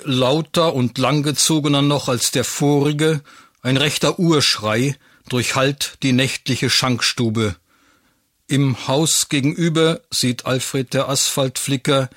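A man narrating a written story in a wry, even storytelling manner, recorded close on a studio mic. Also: medium pitch, slow pace, dry recording.

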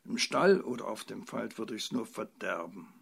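A man voicing a practical, sharp-tongued old farmer's wife in a storybook reading. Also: lowish voice, animated, gravelly, breathy edge, full character voice. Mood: scolding. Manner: brisk, scolding.

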